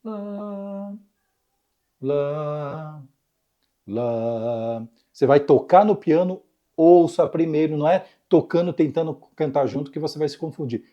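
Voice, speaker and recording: A man teaching keyboard in an online lesson, coaching in an insistent, repetitive way with a husky voice. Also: fairly high pitch, fairly quick, dark tone, muffled recording.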